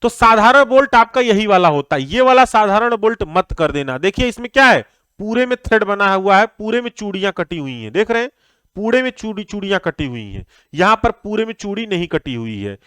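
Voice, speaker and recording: A man's voice: high-pitched, very animated, a little fast, fairly bright tone, clear, resonant tone, no room sound, studio quality. A young man teaching a civil engineering class, repeating key terms and answering his own questions as he explains. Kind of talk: classroom lecture.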